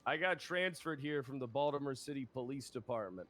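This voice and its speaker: A man's voice: mid-range voice, expressive, brisk, fairly bright tone. A man improvising a courtroom role-play as a police officer on the stand, rambling and repeating himself in casual, sweary speech. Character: defensive, rambling cop on the witness stand.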